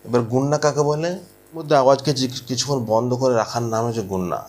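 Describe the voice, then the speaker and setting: A man teaching a recorded Quran reading lesson at a board. He patiently repeats each point and slowly draws out the sounds he demonstrates. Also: mid-range voice. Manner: slow, drawn-out demonstration of sounds.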